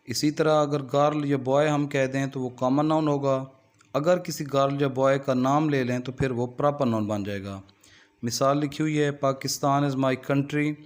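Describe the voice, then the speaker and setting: A man of ordinary pitch lectures steadily through a schoolbook, one topic after another. He explains every point with a worked example, in an even, patient way. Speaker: teacher trainer. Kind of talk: lecture walking through a textbook.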